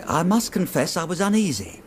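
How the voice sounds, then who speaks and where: In a period radio drama, a man plays an earnest, excitable young Victorian clerk with a British accent, narrating politely and eagerly yet with an uneasy mood. His voice is a little high and fairly quick, with slight background noise.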